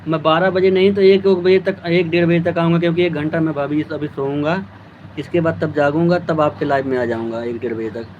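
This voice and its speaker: A man with a fairly high voice chats casually on a live stream. He teases his viewers and thanks them by name. The phone audio sounds dull and lo-fi, with faint vehicle noise in the background. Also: steady tone, fairly quick.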